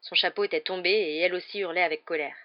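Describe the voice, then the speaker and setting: A woman narrating a novel as an audiobook, reading in a lively storytelling manner. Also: on the low side, fast talker, dull audio.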